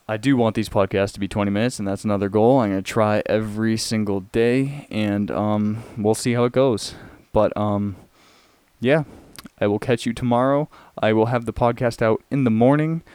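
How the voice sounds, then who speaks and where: A young man hosting a casual solo podcast, talking in a rambling, halting way. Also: fairly low pitch, a little mellow, clean tone, no room sound. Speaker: podcast host.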